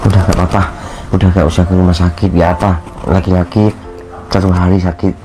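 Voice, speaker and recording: A man's voice: low-pitched, flat delivery, quick pace, close to an everyday voice. Guy playing a sick husband, weak and sorry sounding, music going behind him. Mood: weak, apologetic. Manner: weak, pained, apologetic. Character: sick, ashamed young husband, gentle toward wife. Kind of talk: short film acting. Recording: background music under the dialogue.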